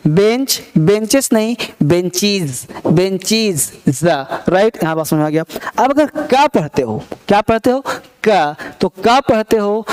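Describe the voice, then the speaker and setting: A man's voice: high voice, darkish tone, clean tone. A man teaching English spelling and pronunciation to students, repeating words and quizzing them, in a classroom lesson. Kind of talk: classroom grammar lesson in Hindi.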